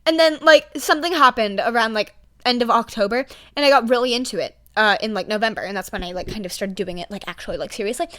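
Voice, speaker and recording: A young woman reads podfic and chats with her listeners in a casual, excited way. She rambles in slangy, emphatic language, swears now and then, and talks a bit high and fast.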